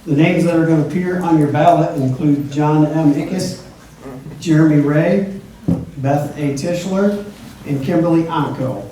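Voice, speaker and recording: A man's voice: on the high side, measured pace. An American man moderating a public forum, making orderly announcements and calling people up. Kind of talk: formal event announcements. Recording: echoey, distant hall PA, loud noise.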